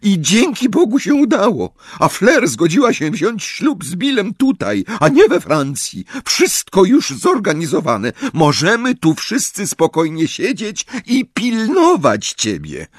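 A man voicing an anxious, protective middle-aged mother who pleads in a shrill falsetto. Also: huge pitch swings, measured pace, hardly any pauses, husky, no room sound, studio quality, heavily acted. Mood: pleading.

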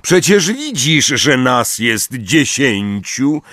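A man's voice: medium pitch, sing-song, extremely slow, bright, forceful tone, no room sound, clean studio sound, heavily acted. Lucius Malfoy, a man doing a drawling sneer. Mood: mocking. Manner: mocking, drawling. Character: sneering cold aristocratic male wizard.

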